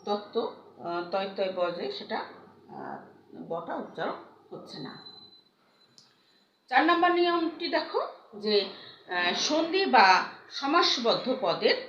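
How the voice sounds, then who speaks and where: A woman teaching a grammar lesson, patient, repeating examples slowly with many fillers. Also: a little high, big pitch swings, fairly bright tone, a little hiss or hum. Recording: echoey room, dull lo-fi sound.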